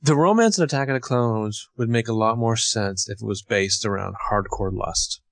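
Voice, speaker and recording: A man's voice: lowish voice, moderate pace, gravelly, no room sound. A man co-hosting a casual film discussion, informal and opinionated. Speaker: podcast co-host.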